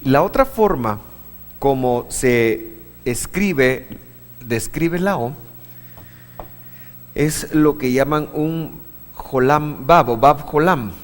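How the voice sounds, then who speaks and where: A man teaching a church class, patient, asking the room questions, with many halting restarts. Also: medium pitch. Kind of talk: classroom lesson on Hebrew vowels. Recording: long hall reverb.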